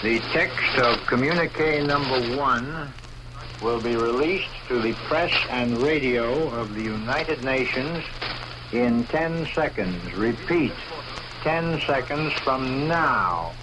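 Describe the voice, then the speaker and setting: A man reading an official communique in a slow, measured, formal way, heard as an old 1940s radio broadcast. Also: mid-range voice. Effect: old 1940s radio broadcast sound. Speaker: radio announcer. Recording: loud hiss on an archival radio recording.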